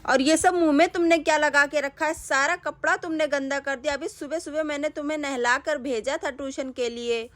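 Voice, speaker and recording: A woman's voice: sits high, fairly even intonation, moderate pace, few pauses, a bit bright. A woman as a motherly village sister-in-law. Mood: scolding.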